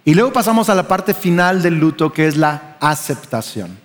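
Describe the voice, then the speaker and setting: Male pastor, Mexican Spanish accent, high voice, conversational sermon with questions, long reverb. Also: big pitch swings, normal speed. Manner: conversational, asks the congregation questions.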